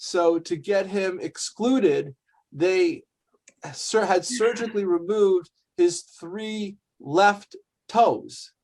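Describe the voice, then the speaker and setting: A man's voice: high voice, extremely slow, darkish tone. A man speaking informally and reflectively on a video call, answering questions and recounting family history.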